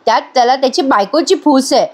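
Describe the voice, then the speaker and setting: A woman's voice: high-pitched, animated, quick pace, pitched above the performer's own voice. A woman voicing a scheming older matriarch in a firm tone.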